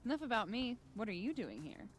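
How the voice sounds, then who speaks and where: A woman's voice: fairly high pitch, very animated, fairly quick, soft background music. An actress playing a breezy, teasing young woman in a video game.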